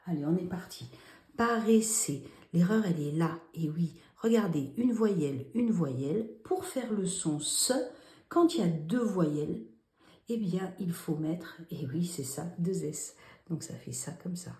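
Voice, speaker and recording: A woman's voice: on the low side, lively intonation, a little slow, dark tone. A woman teacher walking children through a spelling exercise, patient and step by step, asking them questions as she goes. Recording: roomy echo.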